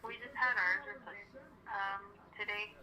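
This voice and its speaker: A woman's voice comes through a phone on speakerphone, sharp and very bright. She chats in an easygoing, rambling way. Her pitch sits in an ordinary middle range. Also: fairly even intonation, measured pace, a little hiss or hum, rough recording. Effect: heard over a phone on speakerphone. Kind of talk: casual phone chat.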